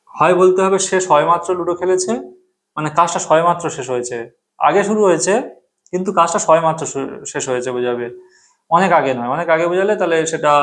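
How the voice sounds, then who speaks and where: A man explains English grammar in a patient teaching voice that sits a little high. He repeats his examples and drops to a slow, word-by-word pace when dictating sentences for students to copy. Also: fairly bright tone.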